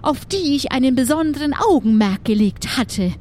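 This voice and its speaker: In an improvised audio adventure, a woman voices a troubled, secretive witch who trades in dark goods, sounding troubled and suspicious. She speaks in an earnest, halting, pleading way, her voice high and animated, with a little hiss or hum in the audio.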